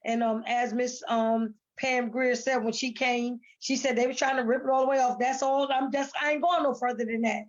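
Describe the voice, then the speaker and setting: In a casual panel conversation, a stage actress being interviewed talks emphatically, often repeating words and phrases. Her voice is a little high with fairly even intonation, at normal speed with few pauses, and the lo-fi recording sounds dull and muffled.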